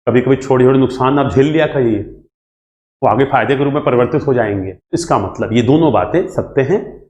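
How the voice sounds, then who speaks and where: A man teaching an engineering exam class in a lively, repetitive way, acting out student questions and answering them himself. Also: medium pitch, a little fast, lo-fi sound. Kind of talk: classroom lecture. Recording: echoey room.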